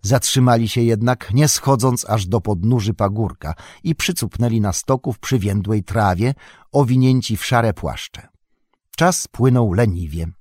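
A man narrating a fantasy audiobook in an even, unhurried storytelling manner. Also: on the low side, dry recording, clean studio sound.

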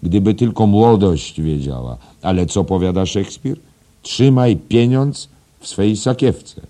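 A man's voice: lowish voice, expressive, a little slow, warm tone, pitched above the performer's own voice. A man voicing a pompous, preachy old schoolmaster who lectures in an emphatic, self-satisfied way in an audiobook. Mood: lecturing.

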